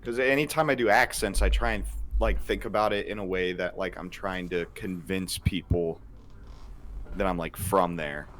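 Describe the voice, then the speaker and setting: A man's voice: low voice, normal speed, fairly bright tone, slight background noise. A man co-hosting a podcast, chatting casually and crudely, with lots of filler words and joking asides. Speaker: podcast co-host.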